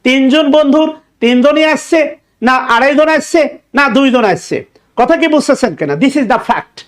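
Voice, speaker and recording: A man's voice: extremely high pitch, expressive, normal speed. A man with a Bangladeshi Bengali accent giving an exam-prep English grammar lecture, repeating key words, joking and asking if students follow.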